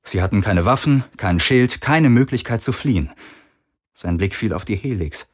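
A man narrating a science-fiction audiobook in a measured, steady way. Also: fairly low pitch, husky. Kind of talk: scripted narration.

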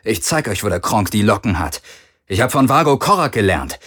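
A man's voice: on the low side, big pitch swings, a little fast, a bit bright, slightly rough, full character voice. A man voicing a tough young ex-pirate gunner who talks through gritted teeth and swears. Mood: defiant. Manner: gritted, cursing, raised.

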